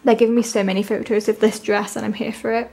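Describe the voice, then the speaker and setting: A woman with a fairly high voice talks through an unboxing in a casual, gushing way. Her throat sounds sore, as if speaking through swollen tonsils with tonsillitis, yet she stays enthusiastic. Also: level tone, fast, vocal fry, a little mellow. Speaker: unboxing video host. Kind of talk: casual excited unboxing commentary.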